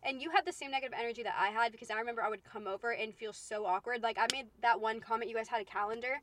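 A woman's voice: a little high, very fast, noisy background. A young woman co-hosting a casual podcast chat, asking follow-up questions and adding her own side. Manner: chatty, asks follow-up questions.

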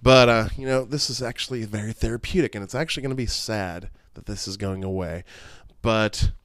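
A man's voice: lowish voice, brisk, dry recording. A man in his late thirties hosting a solo podcast, rambling and swearing casually as he talks to his listeners. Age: 30s. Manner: rambling, profane, self-deprecating. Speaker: podcast host.

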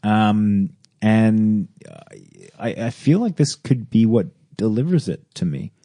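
Low mellow hesitant podcast guy. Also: expressive, slow pace. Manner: hesitant, many ums and restarts. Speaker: podcast co-host. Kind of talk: casual chat.

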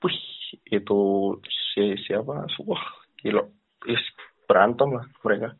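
Over a tinny phone line, a male caller with a lowish, slightly rough voice tells a story casually at a measured pace. He acts out the voices of the people in it.

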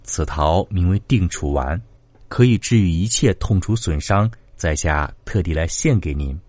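A man puts on a courteous young scholar spirit who speaks with formal humility and careful measure. The voice sits a little low, and the delivery is lively in pitch yet restrained. It is heard dry and close in a storybook telling. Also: normal speed, no echo.

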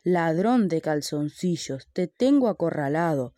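A woman's voice: sits low, lively intonation, a little slow, dark tone, no echo, studio quality. A woman voicing a big angry male elephant who bellows accusations. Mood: accusing.

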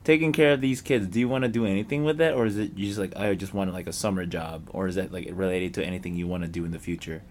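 A man's voice: sits low, quick pace, few pauses, a little hiss or hum. Laid-back joking male podcast host. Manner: laid-back, jokey, says "nice" a lot. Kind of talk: casual podcast interview.

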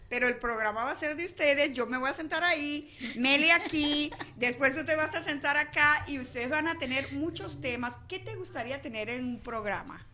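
A woman's voice: high-pitched, sharp tone. A woman from Venezuela hosting a radio talk show in a studio, chatting loosely with many restarts. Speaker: radio host. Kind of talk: casual studio chat.

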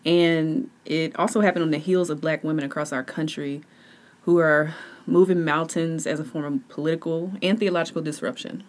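Low-voiced woman podcast co-host. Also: fairly even intonation, normal speed. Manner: laughing, easygoing. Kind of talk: casual conversation.

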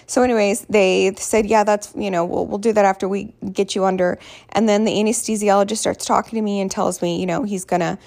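Hoarse, creaky-voiced woman telling stories. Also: medium pitch, steady tone, fairly quick, a little mellow. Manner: candid, rambling, self-deprecating, quotes others in dialogue. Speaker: vlogger. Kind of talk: casual personal storytelling.

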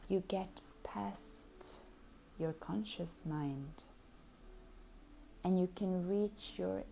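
Very slow soothing woman, half-whispered. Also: lowish voice, creaky, warm tone, a little hiss or hum. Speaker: hypnotherapist. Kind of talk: guided hypnosis session.

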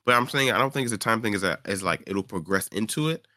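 A man's voice: lowish voice, expressive, fast talker, sharp tone, no echo, studio quality. A tired young man hosting a casual podcast chat, rambling and correcting himself as he goes. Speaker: podcast host.

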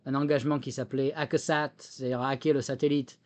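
With little pitch movement, this mid-range male voice moves at a quick pace. The speaker is a French tech entrepreneur and ex-government official being interviewed; his French accent has a faint American touch, and he often repeats words while reaching for the next one in his explanations.

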